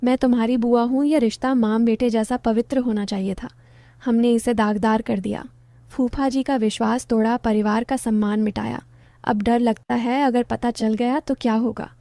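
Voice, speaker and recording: A woman voicing a lonely, affectionate middle-aged aunt in a spoken story, speaking in a soft, coaxing way in a close, dry recording. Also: fairly high pitch, fairly even intonation, moderate pace, dry recording, natural voice. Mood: regretful.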